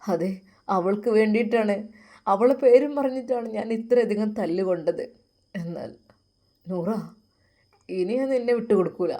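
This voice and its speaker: A woman's voice: mid-range voice, warm tone, natural voice. A woman voicing a hurt, determined young man in a Malappuram Malayalam accent. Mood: resentful. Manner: earnest and resentful.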